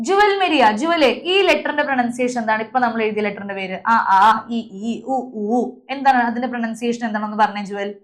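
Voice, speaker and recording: A woman's voice: a little high, fast, few pauses. A young woman teacher leading an online class, calling on students by name and drilling letter sounds over a video call.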